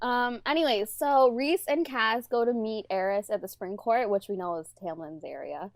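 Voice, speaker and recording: A woman's voice: on the high side, normal speed, no room sound. A young woman co-hosting a casual book podcast, telling rambling stories full of fillers and laughter. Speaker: podcast co-host. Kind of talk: casual chat.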